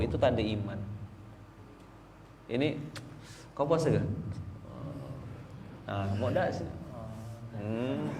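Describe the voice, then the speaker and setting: A middle-aged man preaching a dawn sermon, joking and swinging between loud and hushed. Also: medium pitch, noisy background. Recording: distant mic with faint ambience.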